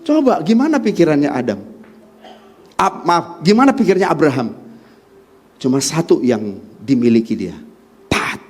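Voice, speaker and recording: A man preaching a church sermon, swinging from shouting to near-whispers and calling the congregation to answer amen. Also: a little high, big pitch swings, moderate pace, pauses often. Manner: asks the congregation questions and calls for amens. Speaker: pastor. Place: church during a Sunday service.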